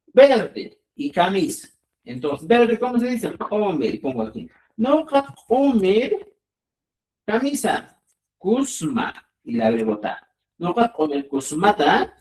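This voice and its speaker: Man, language teacher, live class, lively pitch, slow deliberate pace, roomy far-off sound. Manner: repeats checks like "¿ya?" and "ojo"; slows to stress key words. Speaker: Quechua teacher. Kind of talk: live online language lesson.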